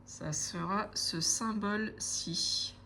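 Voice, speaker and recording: A woman in her forties chatting casually to camera as a craft vlogger, hesitant, with frequent pauses and fillers. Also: mid-range voice, fairly even intonation, gravelly, bright, forceful tone, a little hiss or hum.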